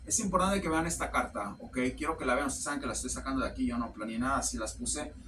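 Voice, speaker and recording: A man reads tarot cards to his viewers in a bright, sharp voice, stopping and restarting as he hunts for words. He closes nearly every phrase with "ok". He sits a bit back from the mic, with a faint noise behind him. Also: medium pitch, fast talker, far from the mic. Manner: repeats words while searching for the next. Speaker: tarot reader. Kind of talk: casual tarot reading to camera.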